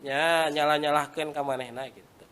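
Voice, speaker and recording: A man's voice: on the high side, steady tone, moderate pace, fairly bright tone, slight background noise. A man with a Sundanese accent giving a casual religious lesson, talking conversationally and reciting Arabic phrases. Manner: conversational, mixing in local words and Arabic recitation. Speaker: Islamic religious teacher.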